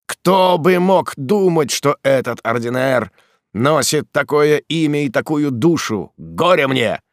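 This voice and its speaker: A man voicing a bitter, vengeful old father in an audiobook, speaking gravely and low. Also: unhurried, no echo, studio quality. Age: older. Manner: grave, brooding, bursts into fury.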